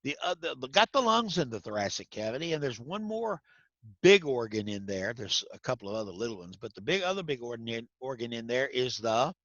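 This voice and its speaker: Male instructor, folksy, quizzes students, tense bright voice, dry and dull audio. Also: mid-range voice, very animated, brisk, no room sound. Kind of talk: online class teaching.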